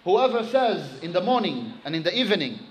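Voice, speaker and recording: A man preaching a sermon to his congregation, telling a story with animated emphasis and quickly reciting Arabic phrases. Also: sits high, slight background noise, low-quality recording.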